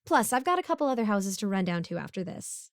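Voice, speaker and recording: The broke, bumbling supervillain neighbor, played by a woman in a casual audio roleplay, pleads and justifies herself through awkward, chatty rambling with a sheepish air. Her medium-pitched voice swings widely in pitch at a quick pace, recorded at studio quality with no echo.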